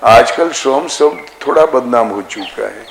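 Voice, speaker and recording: A man giving a devotional discourse as a spiritual teacher, slow and deliberate, drawing out chanted syllables. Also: medium pitch, vocal fry. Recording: echoey room with faint ambient noise.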